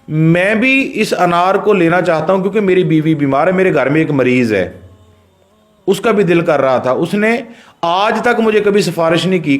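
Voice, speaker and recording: A man with a Pakistani Urdu accent delivers a storytelling sermon in a fairly high voice. He speaks straight to his listeners, sinking into quiet murmurs and then lifting into raised, emphatic phrases. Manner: narrates a religious story, shifting between low murmurs and raised emphatic lines; addresses listeners directly. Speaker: pir preaching a religious sermon.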